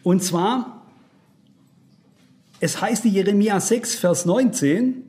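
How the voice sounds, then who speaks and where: A man's voice: high voice, slow, dark tone. A man preaching a sermon, earnest and emphatic, speaking straight to his listeners.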